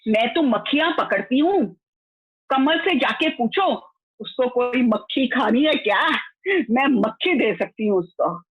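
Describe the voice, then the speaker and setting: A woman voicing a kind, motherly female spider who calmly gives advice in a children's story, a little lower than her own voice. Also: a little slow, breathy edge. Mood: kindly. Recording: tinny phone-like sound.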